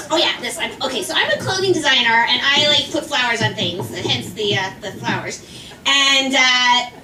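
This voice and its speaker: A woman's voice: a little high, sharp tone. A woman performing a stand-up comedy set, telling a rambling, exasperated story in a chatty way and putting on the voices of the people in it. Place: small club or class showcase stage. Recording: roomy, distant mic, faint ambience.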